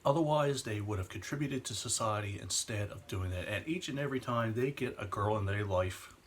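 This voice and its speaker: Slight background noise accompanies a man whose voice sits on the low side. In his twenties, he rants in a personal vlog with earnest feeling, deliberately slowing on the heavy parts.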